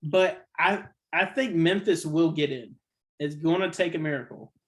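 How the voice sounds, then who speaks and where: On a casual sports podcast, the male host talks at normal speed in a voice on the high side. He's got the hiccups, and his talk is rambling and full of opinions, with frequent self-corrections.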